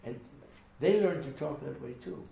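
A man's voice: a little high, animated, normal speed, creaky, mellow. A man teaching a small group, earnest and emphatic, often repeating his phrases. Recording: echoey room from far off with faint noise.

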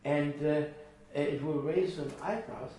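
A man's voice: a little high, slow, dark tone. A man teaching a small group, earnest and emphatic, often repeating his phrases. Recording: echoey room from far off with faint noise.

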